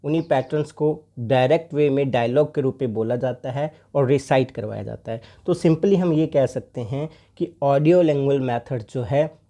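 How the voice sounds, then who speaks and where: In an exam-prep lecture, a teacher with a warm, medium-pitched voice reads English lines slowly and explains them in Hindi. The teacher poses rhetorical questions and answers them along the way.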